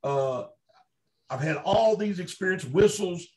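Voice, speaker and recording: A man with a Kentucky accent, speaking high, animated and a little slowly over poor audio, appears as an interview guest and Bigfoot researcher. He tells first-hand stories in a folksy, emphatic, conversational way, repeating himself for emphasis.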